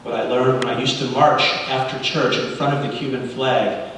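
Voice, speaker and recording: A middle-aged Cuban man, a native Spanish speaker, is the guest speaker leading a congregational service, delivering a sermon-like address with readings. He speaks earnestly and deliberately, pausing between phrases, in a mid-range, level, fairly bright voice. The recording comes from a large, very echoey hall with a distant mic and light noise as he addresses the congregation.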